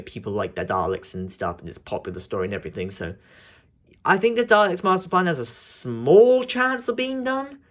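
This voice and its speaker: A man's voice: mid-range voice, fairly bright tone. A young man with the hiccups, rambling through casual vlog commentary with many restarts and fillers. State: has the hiccups. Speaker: video creator.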